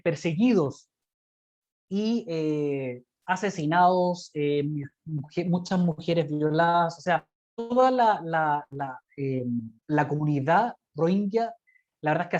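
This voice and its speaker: Over muffled, lo-fi video call audio, a guest lecturer with a Chilean accent talks in a medium-pitched, darkish voice. The presentation runs informally off slides, delivered hesitantly with frequent tag questions seeking agreement.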